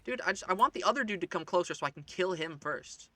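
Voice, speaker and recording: A man's voice: sits high, expressive, quick pace, pushed and bright, no room sound. A man chatting casually while playing a video game with a friend, easygoing and agreeable. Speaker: gaming co-host.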